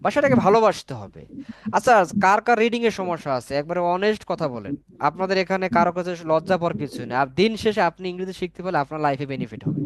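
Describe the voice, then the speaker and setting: Male teacher, slightly high, dry close sound, coaxing and repetitive. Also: animated, quick pace, no echo. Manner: coaxing, repetitive, asks students to answer. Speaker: spoken English teacher. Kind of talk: online class lecture.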